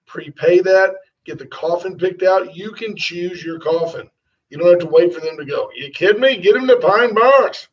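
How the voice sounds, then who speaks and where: A man's voice: high-pitched, far from the mic. A man co-hosting a talk radio show, joking and reading ads in a casual way. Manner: joking, wisecracking. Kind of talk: casual chat and live ad reads. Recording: dull sound, a bit off-mic.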